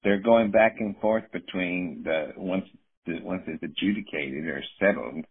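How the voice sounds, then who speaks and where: A man in casual interpretive political chat, opinionated and somewhat halting as he explains. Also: deep voice, slightly rough. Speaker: commentator in a book discussion. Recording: thin, narrow-band call-like audio.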